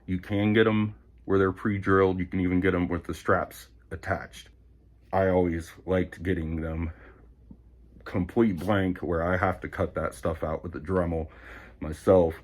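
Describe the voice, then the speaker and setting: Low-voiced man rambling casually. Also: level tone, measured pace. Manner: rambling, self-deprecating, chatty. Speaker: vlogger. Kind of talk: casual show and tell. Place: indoors at home.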